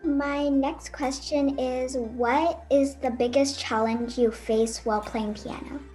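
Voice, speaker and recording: High woman reading out questions. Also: steady tone, slow, dark tone, soft background music. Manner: careful, reading prepared questions. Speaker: young interviewer.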